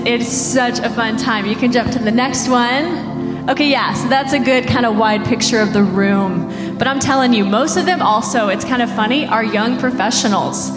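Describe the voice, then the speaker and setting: A young woman pastor talking from the stage in a bubbly, chatty way. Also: on the high side. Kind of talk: casual talk from the stage. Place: church hall. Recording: echoey hall, loud music.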